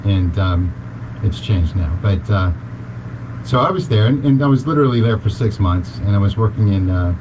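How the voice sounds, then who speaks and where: A man, a guest in an interview, telling a story in a relaxed, rambling way with many fillers. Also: on the low side, moderate pace. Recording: noisy background hiss.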